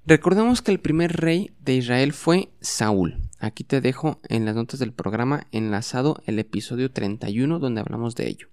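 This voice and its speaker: A man's voice: medium pitch, lively intonation, normal speed, hardly any pauses, darkish tone, clean tone, no room sound, clean studio sound. A man teaching as a podcast host in a bilingual lesson, patiently repeating words and phrases for the listener to say back.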